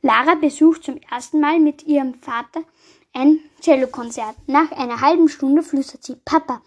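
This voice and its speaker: A woman's voice: high-pitched, normal speed. A woman hosting a podcast, reading jokes aloud with small slips and casual asides. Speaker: podcast host.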